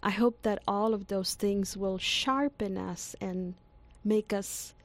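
A woman co-hosts a radio hour and reflects on faith. She talks thoughtfully and often uses fillers. Her voice has a gravelly fry. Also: medium pitch, fairly even intonation, takes it slowly. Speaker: radio show co-host.

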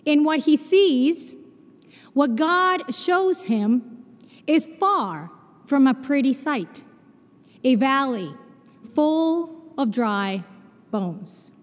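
A woman preaches in a large chapel. Her voice sits high, and the long reverb of the hall trails after each phrase. She has a Spanish and Portuguese accent and tells stories with self-deprecating humor. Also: expressive, extremely slow, pauses often. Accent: Spanish and Portuguese mix. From Argentina. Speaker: chapel speaker. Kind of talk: sermon. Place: large chapel, live service.

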